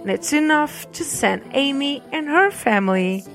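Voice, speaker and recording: With a high-pitched voice and lively intonation at a normal speed, a native Portuguese-speaking woman hosts a podcast. She reads book recommendations aloud in a halting way, full of fillers and restarts, while soft music plays behind her.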